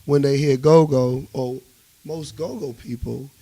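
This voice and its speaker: A radio interview features a musician guest with a Washington, DC accent, his mid-range voice unhurried on a dry, poor-quality recording. Casual and emphatic, he tells animated stories and repeatedly checks in that he's being followed.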